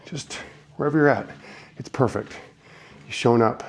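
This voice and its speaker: A man's voice: mid-range voice, normal speed, creaky, slight background noise. A man leading a beginner trampoline workout, giving encouraging cues and getting out of breath as he bounces. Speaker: fitness instructor. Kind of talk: guided workout instruction.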